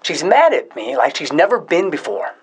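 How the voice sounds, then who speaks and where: Troubled, awkward guy needing a favour male actor, slightly high voice, hesitant, clearly articulated scripted delivery. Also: sing-song, normal speed. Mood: troubled, sheepish. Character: awkward, troubled man sheepishly asking a friend for help. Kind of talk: scripted dialogue acting.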